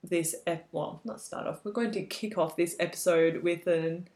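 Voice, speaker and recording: Upbeat woman co-host, slightly low voice, echoey room. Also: steady tone, normal speed, darkish tone. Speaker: podcast co-host. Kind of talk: casual chat.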